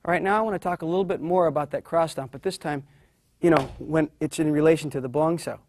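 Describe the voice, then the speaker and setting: A man teaching a martial arts class with a fairly high voice. He explains each move while he shows it on a partner. The recording is dry and close. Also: fast, darkish tone, dry recording. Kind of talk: instructional demonstration.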